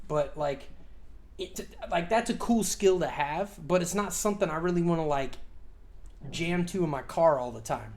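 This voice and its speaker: A man in his forties talks loosely on a podcast, rambling with plenty of fillers and casual swearing. He laughs easily and drifts from point to point. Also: fairly high pitch. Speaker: podcast co-host.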